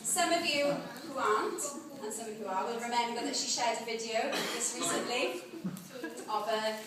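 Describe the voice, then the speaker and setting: High-voiced bridesmaid giving an echoey wedding toast. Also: female voice, moderate pace, a crowd in the background. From South Wales. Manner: jokey, teasing delivery. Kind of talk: wedding toast speech, informal and affectionate. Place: large indoor wedding reception room, on a microphone. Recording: echoey hall from far off, music behind.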